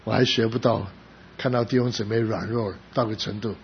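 A middle-aged man preaching a sermon as a pastor, telling a personal story with rising emphasis and sudden soft drops. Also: lowish voice, steady tone, fairly quick, gravelly. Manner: emotional storytelling, rising to loud emphasis then dropping soft. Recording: slightly dull recording with faint background noise.

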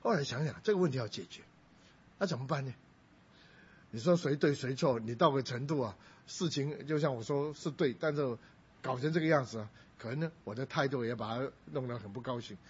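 Brisk and slightly rough, this mid-range male voice belongs to a middle-aged pastor telling a family story in his sermon. Quoted words come out raised, and the lo-fi recording sounds dull.

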